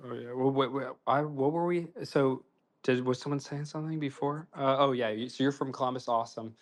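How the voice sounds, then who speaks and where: A man's voice: medium pitch, fairly quick. A man in his twenties from Ohio, hosting a casual online group chat in a loose, slangy way, often repeating words as he goes. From Ohio, USA. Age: 20s. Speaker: host.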